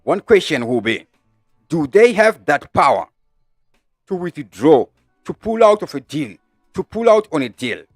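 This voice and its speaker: A man with a Zimbabwean accent hosting a live-streamed political commentary show, talking through the news with many filler "uh"s and shout-outs to viewers. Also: a little high, sing-song, a little slow, pauses often, dry recording, clean studio sound, faint music behind. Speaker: host of a live online news channel.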